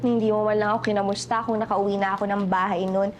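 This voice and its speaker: Actress as wounded young woman, quietly confronting, TV drama. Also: mid-range voice, flat delivery, fast, music in the background, natural voice. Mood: hurt. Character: hurt young woman, guarded and reproachful. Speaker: Nika, a young office worker. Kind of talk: TV drama acting.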